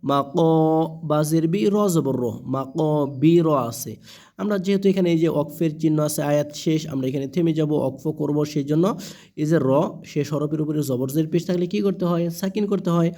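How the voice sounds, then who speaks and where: A man teaching Quran reading, spelling out each letter slowly and answering his own questions. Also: fairly high pitch, dark tone.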